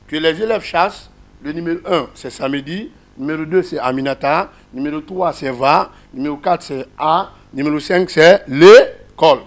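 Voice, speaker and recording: A man's voice: fairly high pitch, moderate pace. A man with a Guinean French accent teaching a class, explaining a reading method step by step and asking his listeners questions.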